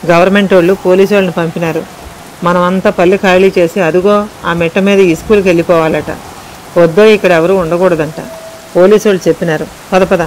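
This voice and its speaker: A woman's voice: lowish voice, steady tone, a little fast, slight background noise, natural voice, low-quality recording. A woman voicing an old male fishing village elder, urging people to leave in a hurry. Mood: urgent. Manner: urgent shouting.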